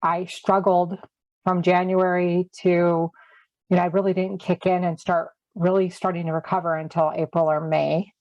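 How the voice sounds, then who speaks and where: A woman's voice: lowish voice, little pitch movement, moderate pace, a little mellow. A woman leading a group coaching call and encouraging the others in an earnest way. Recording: dry, dull lo-fi audio.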